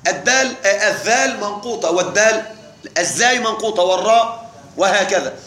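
A man's voice: high voice, expressive, brisk, sharp tone, reverberant. A man teaching an Arabic grammar lesson to a live class, explaining patiently, repeating key words and checking that the students are following.

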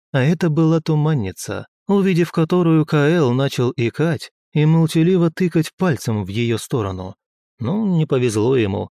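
A man's voice: on the high side, warm tone, no echo, clean studio sound. A man narrating an audiobook with wry, ironic asides. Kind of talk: scripted narration.

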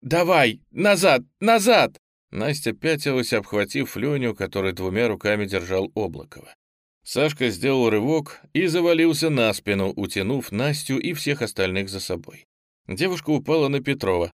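A man narrating an audiobook in an even, measured way. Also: medium pitch, no echo, studio quality.

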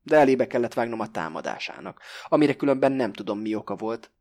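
A man voicing a calm, sardonic male hijacker who never raises his voice, in an audiobook. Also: medium pitch, close to an everyday voice. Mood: coolly mocking. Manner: level, sardonic, never raising the voice. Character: calm, mocking male hijacker, coolly menacing.

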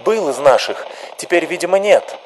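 A man's voice: fairly high pitch, expressive, moderate pace, noisy background, pitched above the performer's own voice, lightly acted. A man voicing an agitated, insistent male activist in a radio play. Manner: loud, insistent, restless.

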